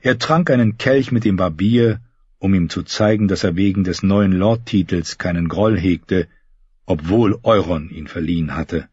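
A man narrating an audiobook in a steady storytelling manner. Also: deep voice, normal speed, slightly rough, no room sound, dull audio. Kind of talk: scripted narration.

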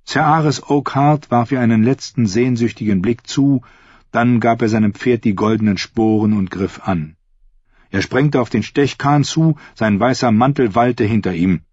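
A man reading an audiobook in steady scripted narration. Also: medium pitch, moderate pace, breathy edge, dry recording. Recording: slightly dull lo-fi recording.

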